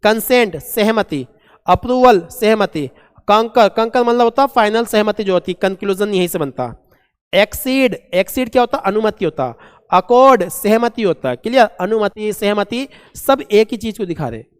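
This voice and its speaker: A man teaching a vocabulary lesson, asking and answering his own questions and reading English examples out slowly. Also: sits high, animated, clear, resonant tone. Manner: asks and answers his own questions, calls students "beta". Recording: long echoing reverb.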